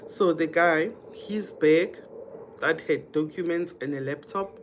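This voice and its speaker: Slow and deep, the voice of this South African livestream host comes with a faint hiss or hum. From Mpumalanga, she chats casually and directly with viewers, reads out comments, tells anecdotes and repeats herself often.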